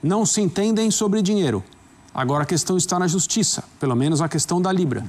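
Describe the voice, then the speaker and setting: A man's voice: high-pitched, expressive, quick pace, darkish tone. A man with a Brazilian accent commenting in a studio sports debate, reflective with wry asides. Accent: Brazilian Portuguese.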